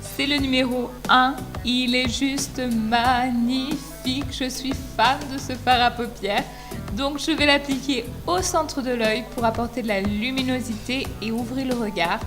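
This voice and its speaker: A woman from France narrating a makeup tutorial voice-over, steady and explanatory, enthusiastic about the products. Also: high voice, measured pace. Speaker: beauty vlogger. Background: music.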